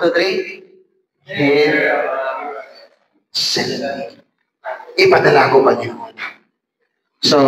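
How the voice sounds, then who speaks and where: A man preaching an evangelistic revival sermon, emphatic and animated, appealing directly to his listeners. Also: mid-range voice. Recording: echoey hall with faint ambient noise.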